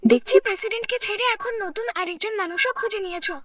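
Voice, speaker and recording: A woman's voice: very high voice, fast, fairly bright tone, dry recording, studio quality. A woman reading the lines of a spiteful, sarcastic female coworker in a story narration. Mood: sneering. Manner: sneering, sarcastic.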